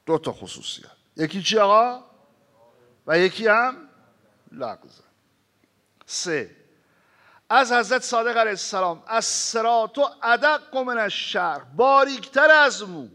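Man preaching a sermon, fairly high voice, very lively pitch, dramatic swings from loud to hushed, chanted scripture. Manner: recites Arabic scripture in a slow chanting cadence, then explains it.

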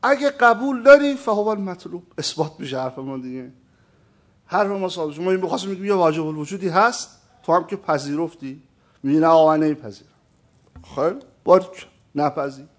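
A man with a notably high voice delivers a theology lesson. He argues emphatically and keeps turning to his audience with questions, pressing each point home. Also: lively intonation. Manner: addresses listeners as "sir". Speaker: religious teacher. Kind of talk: lecture on theology.

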